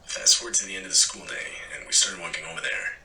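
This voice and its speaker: A man reading a first-person story aloud in a steady narration, played back from a video. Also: sits low, fast talker. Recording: echoey, distant, faint hiss.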